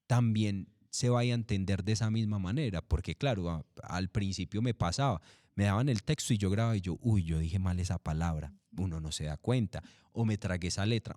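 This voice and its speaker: A middle-aged man, a commercial voice-over artist talking in an interview, relaxed and repetitive, asking and answering his own questions. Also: lowish voice, no room sound, studio quality. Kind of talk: interview, casual explanation.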